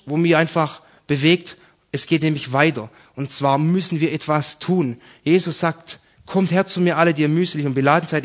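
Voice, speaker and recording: A man's voice: a little high, muffled recording. A man preaching a sermon, explaining Bible verses to his congregation in a conversational way.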